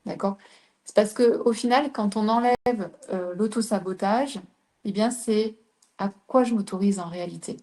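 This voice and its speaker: A woman leads a casual explanatory talk in a mellow, soft-edged voice. She walks through examples step by step and checks that her listener is following. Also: medium pitch, moderate pace. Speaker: host.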